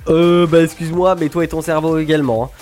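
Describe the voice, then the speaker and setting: A man's voice: fairly high pitch, steady tone, fast talker, loud music behind the voice. A young man hosting an amateur radio show, reading TV listings with many fillers and jokes. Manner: hesitant, full of fillers, jokey. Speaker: radio host.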